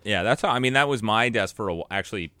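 A man with a fairly low but bright voice co-hosts a podcast, chatting casually and stumbling over his words. The recording is dry and close. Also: animated, fast, clear, resonant tone, no room sound. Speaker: podcast co-host. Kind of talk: casual chat.

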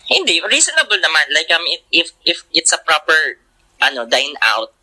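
A man chats as a nurse guest on a podcast. His voice is very bright and keen. He talks haltingly with many fillers and breaks into laughter often. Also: fairly high pitch, wildly swooping pitch, low-quality recording. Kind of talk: casual podcast chat.

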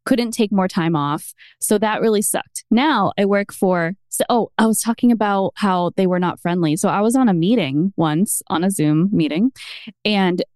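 Chatty woman in her thirties, smooth voice. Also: mid-range voice, moderate pace, no room sound, clean studio sound. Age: 30s. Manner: chatty, animated storytelling with many "like" fillers. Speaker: podcast guest. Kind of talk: casual conversational interview.

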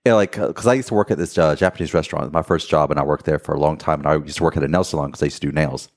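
A man's voice: extremely low pitch, very fast. A man from North Carolina, a guest in a casual interview, telling profane stories and acting out what people said. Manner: profane, animated storyteller acting out quotes.

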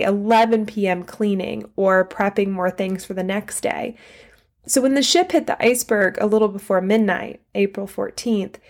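A woman hosting a solo history podcast, telling it in a conversational, digressive way with side notes. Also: mid-range voice. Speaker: podcast host.

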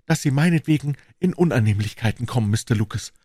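A man's voice: medium pitch, expressive, fast talker, dark tone, breathy edge, dry recording, clean studio sound, voice pushed up. A man voicing an anxious, bitter older woman, a former nanny, in a storybook reading. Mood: nervous.

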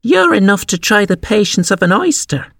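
Man voicing a shrill, snappish young crab. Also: sing-song, normal speed, creaky, a bit bright, no echo, clean studio sound, full character voice.

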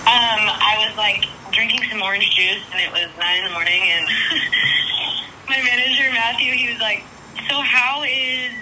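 A woman's voice: mid-range voice, normal speed, noisy background. A young woman who is a singer, chatting casually as a guest in an interview and laughing often. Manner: bubbly, laughs often, says like a lot.

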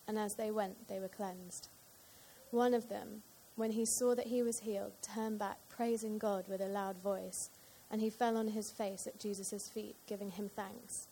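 Mellow-voiced woman reading scripture. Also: medium pitch, steady tone, a little slow, a little hiss or hum. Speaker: scripture reader.

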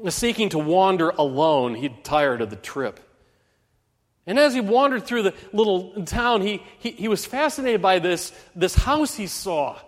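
A man's voice: high-pitched, sing-song, unhurried, big-room sound. A man preaching a Christmas sermon in a church, telling a story earnestly with frequent restarts.

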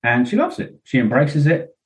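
A man's voice: mid-range voice, huge pitch swings, normal speed, poor audio. A middle-aged man, a podcast guest speaking frankly and at length, rambling with many fillers and asides. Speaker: interview guest. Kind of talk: candid podcast conversation.

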